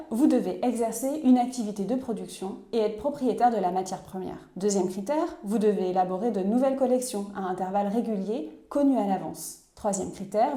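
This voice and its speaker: A woman's voice: medium pitch, dark tone, roomy sound. Woman narrating a scripted explainer. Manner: clear, measured, instructive. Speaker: narrator of a tax explainer video.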